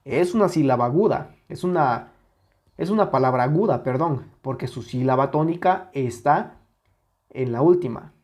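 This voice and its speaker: A man with a Mexican Spanish accent giving a slow, patient lesson, repeating words to stress their syllables and checking in with listeners often. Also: mid-range voice, lively intonation, darkish tone. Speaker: teacher.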